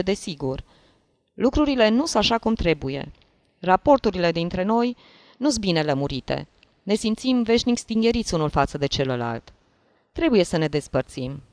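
A reader voicing a touchy, anxious middle-aged gentleman in an audiobook, with a pleading, wavering delivery, recorded dry and close. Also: mid-range voice, dry recording, pitched above the performer's own voice, natural voice. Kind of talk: audiobook reading of a classic story.

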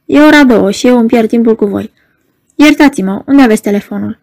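A woman voicing an agitated young male poet who bursts out in excited, shouting protests in a storybook reading. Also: very high voice, creaky, no room sound.

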